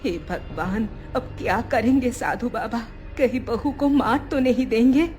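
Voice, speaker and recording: A woman's voice: a little high, a little slow, a little mellow, soft background music, pitched below the performer's own voice, close to an everyday voice. A woman voicing a worried middle-aged mother-in-law in a cartoon, fretful in tone. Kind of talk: cartoon voice acting.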